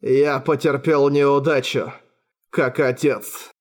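A man's voice: high-pitched, big pitch swings, measured pace, pitched above the performer's own voice, heavily acted. A man voicing an anguished older father in an audiobook, his voice pleading and shaking. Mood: broken. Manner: pleading, trembling. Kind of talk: audiobook character voice.

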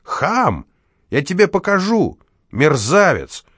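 A man voicing a boastful, ironic middle-aged male locksmith who shouts and sneers in an audiobook. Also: mid-range voice, sing-song, normal speed, dry recording, studio quality, voice pushed up. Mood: indignant.

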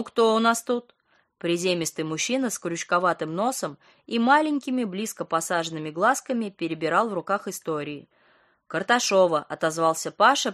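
A woman's voice: fairly low pitch, fairly bright tone. Woman narrating an audiobook. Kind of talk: scripted narration.

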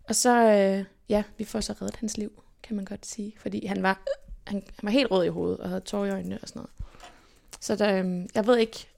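A young woman from Denmark, telling stories from her life as an interview guest in a lively way and acting out what people said. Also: mid-range voice, vocal fry. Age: young adult. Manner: lively, animated retelling with quoted inner speech. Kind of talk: casual personal storytelling.

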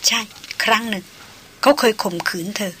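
A woman voicing a gentle female doctor. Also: medium pitch, moderate pace, slightly rough. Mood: soothing. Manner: soft and soothing. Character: gentle, composed female doctor, soothing friend.

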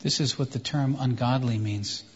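Preacher, male, husky, echoey hall, dull sound, phrase-by-phrase delivery. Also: mid-range voice. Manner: emphatic, pauses for translation. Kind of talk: sermon in short phrases for an interpreter.

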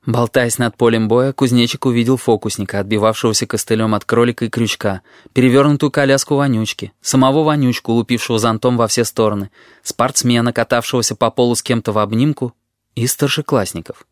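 A man narrating an audiobook in an expressive reading voice, acting out the dialogue. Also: mid-range voice, brisk, no room sound, clean studio sound.

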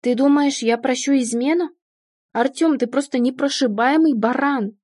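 A woman's voice: fairly high pitch, steady tone, normal speed, dark tone, dry recording, clean studio sound, close to an everyday voice. A woman reading as a furious betrayed wife. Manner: angry, sarcastic. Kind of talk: audiobook reading.

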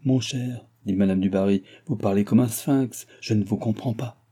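A proud, worldly countess, as a male reader puts her on, assured and haughty. The low, very dark voice of the reader shows through in this storybook reading. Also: moderate pace, husky.

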